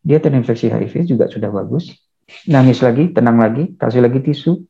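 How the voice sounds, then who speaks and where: A man lecturing on counseling, calm and measured, acting out what counselor and client say. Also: medium pitch, gravelly. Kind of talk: lecture with acted counseling examples. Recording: dull lo-fi recording.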